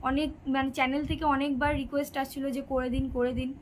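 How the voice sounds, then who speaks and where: A woman's voice: high voice, little pitch movement, fast, a little hiss or hum, poor audio. A sixteen-year-old girl chatting on a live stream, reading out viewers' comments and answering their questions. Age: teenager, 16. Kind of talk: casual live-stream chat.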